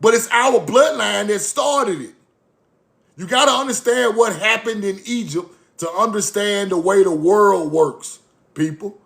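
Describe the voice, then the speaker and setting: High-voiced slow man with gravel. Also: fairly bright tone. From Mississippi, USA. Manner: repetitive catchphrases, preachy and emphatic. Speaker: online video host. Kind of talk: casual talk to a live-chat audience.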